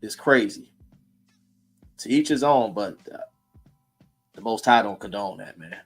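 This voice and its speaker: A man's voice: lowish voice, lively intonation, a little slow, slightly rough, soft background music. A man hosting a casual streamed talk, blunt and preachy, in heated street slang. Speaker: host.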